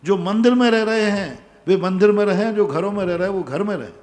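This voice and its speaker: Emphatic monk preaching in a reverberant hall. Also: male voice, sits high, brisk, a little mellow. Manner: emphatic, repeats commands. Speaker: Jain monk giving a discourse. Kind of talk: sermon answering devotees' questions. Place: large pandal, nearly empty.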